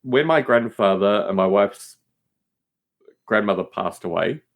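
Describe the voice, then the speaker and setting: Here a middle-aged podcast host sits in as a guest, chatting casually in a lowish, creaky voice that's animated yet unhurried. His storytelling rambles, stays emphatic, and leans on repeated words for stress.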